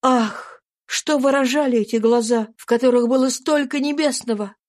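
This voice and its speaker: A woman reading a classic novel aloud as an audiobook narrator, in a slow, solemn, deliberate way. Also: sits high, a little mellow, no room sound, studio quality. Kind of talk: scripted literary narration.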